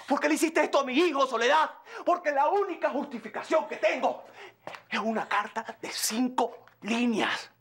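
An actor playing a jilted young man who insists on the truth, raising his voice and shouting in a telenovela scene. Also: extremely high pitch, normal speed, slightly rough, heavily acted. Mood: desperate demanding. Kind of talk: telenovela acting.

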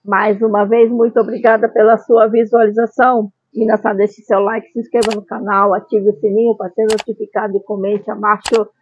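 A middle-aged woman with a Brazilian accent hosting a casual product review vlog, announcing her phrases deliberately, on a phone-like recording. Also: medium pitch, level tone, slightly rough, no echo. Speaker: YouTube channel host. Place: small tiled room at home, indoors. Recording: phone-like, band-limited sound.

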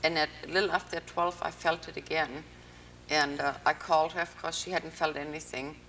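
An older woman from North Africa hosts a cable interview, rambling through her stories. Her voice sits low but bright. The lapel recording sounds a bit distant, with faint hiss underneath. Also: steady tone, fairly quick. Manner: chatty, rambling storyteller. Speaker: host. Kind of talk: public access interview. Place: TV studio with green-screen backdrop.

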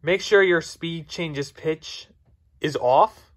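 A man talking through a software tutorial step by step, in a halting, instructional way with fillers and restarts. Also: a little high. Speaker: video tutorial maker.

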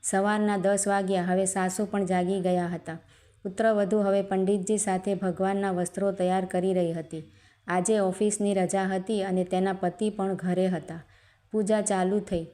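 A woman narrating a short story in a steady, even reading. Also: mid-range voice, moderate pace.

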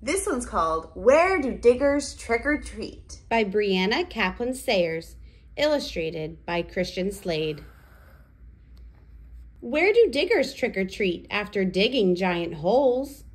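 A woman in her thirties, a children's educational presenter and storyteller, gives a toddler lesson and reads picture books aloud. Her mid-range voice is very animated and slow, and her speech is simple and exaggerated for small children.

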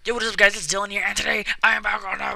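A man hosting a gaming video, giving excitable, playful commentary with trash talk. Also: sits high, rapid-fire, gravelly. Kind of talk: casual gameplay commentary.

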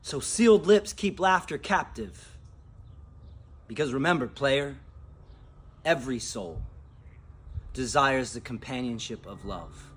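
A man in his thirties performing a spoken word poem outdoors in a backyard, dramatic, slowing and dropping to a hush on key lines, recorded by a phone camera at full-body distance. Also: mid-range voice, animated, breathy edge.

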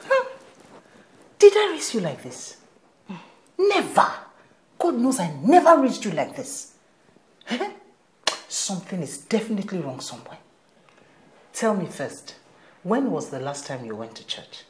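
A woman's voice: fairly low pitch, sing-song, normal speed, long pauses. An actress with a Nigerian accent playing a devout middle-aged mother who lectures her married daughter. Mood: scolding. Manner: preachy, lecturing. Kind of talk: film acting.

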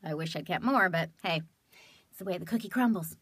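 A woman's voice: fairly low pitch, a little fast, background noise. A woman in her thirties from California, a voice actress chatting casually and animatedly as she shows off keepsakes. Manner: animated, chatty, laughing often. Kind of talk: casual show-and-tell vlog.

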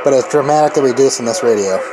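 A radio repair hobbyist reviews gear in a cluttered garage workshop with the door open, thinking aloud in a rambling, informal hands-on demo filmed on a handheld camera. He speaks rapid-fire in a mid-range voice. Radio static, hum and ambient workshop noise fill the recording.

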